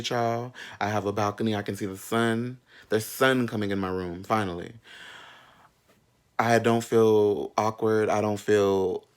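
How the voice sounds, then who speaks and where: A man in his thirties with a smooth, lowish voice tells a personal story. The casual, animated storytime chat comes across as sassy, slangy and candid, with frequent asides.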